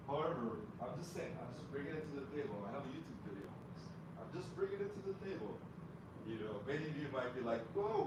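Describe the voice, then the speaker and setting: A man's voice: on the low side, recorded from a distance. A man hosting a casual livestream from a hotel suite, talking in a rambling, chatty way and often correcting himself. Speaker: vlog host. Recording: echoey room, off-mic, background noise.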